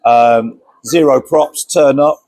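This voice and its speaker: A man, a performing magician, giving relaxed advice on cutting down acts. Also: medium pitch, takes it slowly, dry recording. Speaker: magician and guest. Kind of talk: casual chat.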